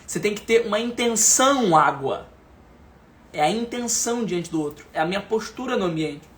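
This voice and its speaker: A man giving a motivational lesson, emphatic and repetitive, often dropping to a soft, calm voice. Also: high voice, moderate pace. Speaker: leadership and speaking coach.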